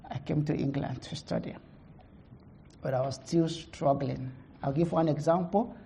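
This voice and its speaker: A middle-aged woman pastor with a heavy Nigerian accent gives a conference testimony, halting, with many fillers, laughing at herself. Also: sits low, creaky, warm tone.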